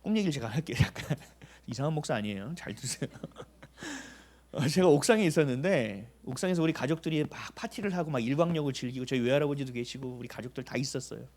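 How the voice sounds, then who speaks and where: A man's voice: medium pitch, animated, fast talker, a little mellow. A middle-aged male pastor preaching a sermon, telling stories animatedly, acting out dialogue and pressing with emphatic rhetorical questions.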